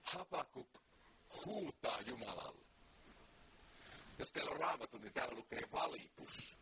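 Male preacher, emphatic, bright tense voice with a wide swinging pitch. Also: expressive, a little hiss or hum. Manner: emphatic, rhetorical questions. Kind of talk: sermon.

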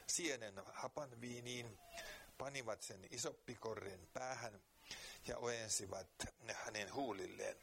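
A man preaching, reading scripture aloud slowly and earnestly, then praying, with occasional fillers. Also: mid-range voice, a bit bright, slight background noise. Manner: slow, earnest Bible reading with pauses and fillers.

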